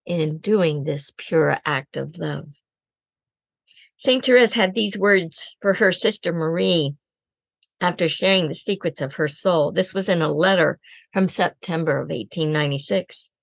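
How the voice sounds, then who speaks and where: A woman gives a slow, reflective spiritual talk as a Secular Carmelite speaker, deliberately quoting prayers and reflecting on them. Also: on the low side, vocal fry, no echo, muffled recording.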